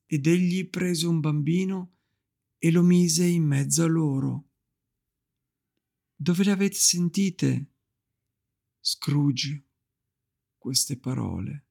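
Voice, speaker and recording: A man narrating an audiobook in a calm, measured storytelling manner. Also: mid-range voice, vocal fry. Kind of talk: audiobook reading.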